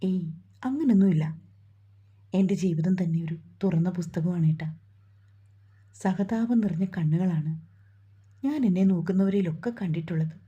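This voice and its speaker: A woman voicing a gentle, orphaned young woman who speaks softly and sorrowfully in a romantic storybook. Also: fairly low pitch, normal speed, long pauses, slightly rough, dull audio. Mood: sad. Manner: soft, sorrowful.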